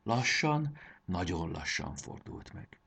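Low, husky male storyteller. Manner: expressive, voices characters. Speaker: narrator. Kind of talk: storybook narration.

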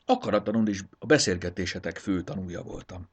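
A man's voice: low-pitched, husky. A man doing a shy, fussy little notebook. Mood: prim apologetic. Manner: fussy, apologetic, long-winded. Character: polite shy small math notebook, male.

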